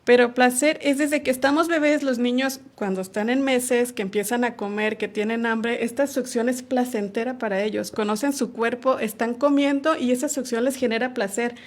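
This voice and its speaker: A woman, a guest on a podcast, calmly explaining sexual education in casual conversation and acting out small quoted dialogues. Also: a little high, moderate pace, hardly any pauses.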